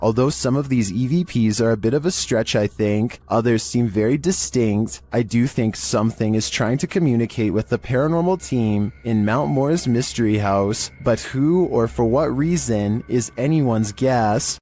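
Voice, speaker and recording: A man's voice: mid-range voice, moderate pace, few pauses, warm tone. A man reading a scripted narration about paranormal investigations as the narrator.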